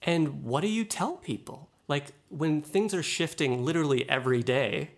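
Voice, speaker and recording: A man hosting a well-being podcast, reading the intro and asking gentle questions. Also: fairly high pitch, moderate pace. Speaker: podcast host. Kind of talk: scripted show intro and interview questions.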